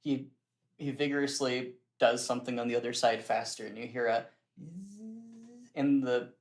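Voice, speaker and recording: A young man narrates a tabletop game as its game master. He describes the action in a relaxed, easygoing way and laughs often. His voice is mid-pitched, and the room around him sounds roomy and echoey. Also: a little fast.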